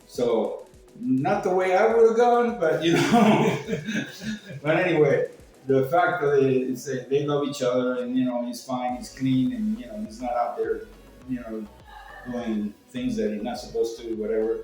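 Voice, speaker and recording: Very echoey audio captures an older Cuban storyteller with a darkish, medium-pitched voice speaking a little slowly. He rambles through casual anecdotes, salty in tone, acting out what people said. The mic is distant, with faint music in the background.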